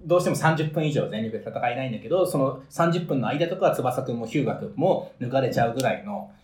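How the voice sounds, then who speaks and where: A man's voice: mid-range voice, lively intonation, fast talker, a little mellow, roomy sound. A man chatting casually, explaining things step by step with enthusiasm and lots of fillers. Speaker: podcast co-host explaining a manga. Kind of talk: casual chat.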